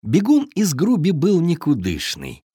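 A storyteller reading a children's tale, the voice sitting mid-pitch and swooping dramatically up and down in a sing-song way. The recording is very dry and close, with no room sound. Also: wildly swooping pitch, a little slow, dark tone, slightly rough, no room sound.

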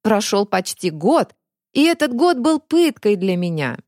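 A woman's voice: mid-range voice, very animated, unhurried, a little mellow, no room sound, clean studio sound. A woman voicing a scornful middle-aged male inspector, a cold villain with a mocking, theatrical manner in an audiobook. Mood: bitter.

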